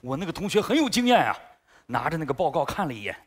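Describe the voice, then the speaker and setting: An actor playing an anxious expectant father in a sitcom, fretful and excitable. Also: on the high side, fast talker, husky. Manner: fretful, excitable comic delivery. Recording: studio audience laughter behind.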